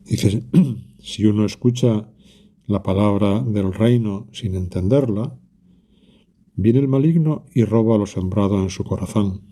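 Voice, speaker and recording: A man leading a spoken prayer meditation, calm and reflective, speaking directly to Jesus with pauses. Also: fairly low pitch.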